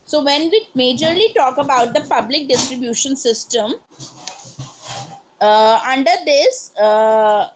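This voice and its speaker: A woman with an Indian English accent, giving an online lecture as a course counsellor and explaining things in a steady way. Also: high voice, a little slow, a little hiss or hum, poor audio. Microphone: video call.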